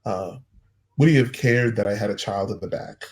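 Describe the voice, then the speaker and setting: Earnest man, 30s, pastor; low-pitched, halting storyteller. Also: darkish tone. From United States. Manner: earnest, halting, with many restarts. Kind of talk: personal storytelling in conversation.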